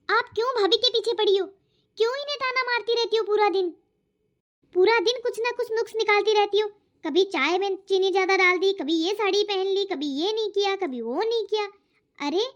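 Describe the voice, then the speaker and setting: A spirited young cartoon daughter, voiced by a woman, arguing back in a very high voice. The sound is muffled and lo-fi. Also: fairly bright tone. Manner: protesting, argumentative. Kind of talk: cartoon voice acting. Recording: dull lo-fi audio.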